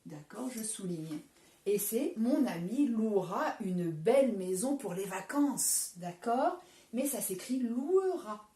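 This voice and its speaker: A woman's voice: mid-range voice, big pitch swings, slow, warm tone. Patient French woman teacher, echoey room. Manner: patient, clear, spells out word endings letter by letter. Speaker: primary school teacher. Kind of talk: recorded remote lesson for young children. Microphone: camera some distance away.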